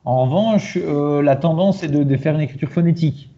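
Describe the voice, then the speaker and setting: A man from France with a French accent, explaining in casual conversation with many hesitant pauses. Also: a little high, warm tone. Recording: dull lo-fi audio.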